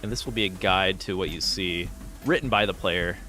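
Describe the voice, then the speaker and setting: A man's voice: low-pitched, moderate pace, pushed and bright, faint music behind. A man hosting a live stream, casually commentating game matches and chatting with players, thinking aloud with fillers. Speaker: stream host and match caster.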